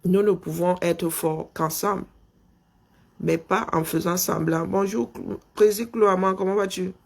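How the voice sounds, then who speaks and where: A man's voice: high voice, fairly even intonation, unhurried, creaky. A middle-aged man with a Cameroonian French accent hosting a political live stream, pressing his point with rhetorical questions and calling out punctuation as he speaks. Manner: insistent, rhetorical questions, dictates punctuation aloud.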